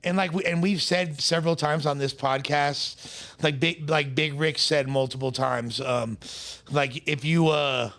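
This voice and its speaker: A man's voice: on the high side, fairly even intonation, a little slow, a bit bright. A man co-hosting a podcast, crude and argumentative, often repeating his points. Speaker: podcast co-host. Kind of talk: casual podcast banter.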